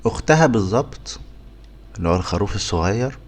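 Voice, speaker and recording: A man with an Egyptian Arabic accent teaching a phonics lesson to beginners, sounding out letters one by one and repeating each word slowly. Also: fairly low pitch, expressive, husky. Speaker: English teacher.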